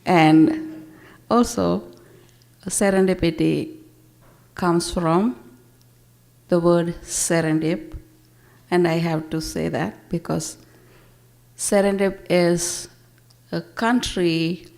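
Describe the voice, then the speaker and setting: A woman from Sri Lanka, emceeing a library poetry reading with relaxed, unhurried asides. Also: lowish voice, creaky. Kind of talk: introducing readers. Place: public library event.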